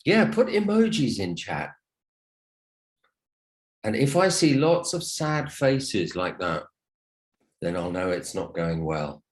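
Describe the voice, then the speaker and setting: Speaking slowly with long pauses, this man's fairly low, sing-song voice carries an online English lesson. He's polite and encouraging with his students over the video call, frequently thanking them.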